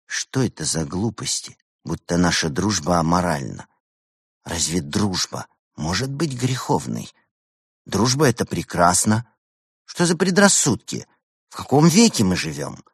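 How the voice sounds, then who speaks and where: A man voicing a quiet but firm male figure defending a friendship. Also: deep voice, expressive, a little slow, husky, dry recording, studio quality, exaggerated voice. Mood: indignant.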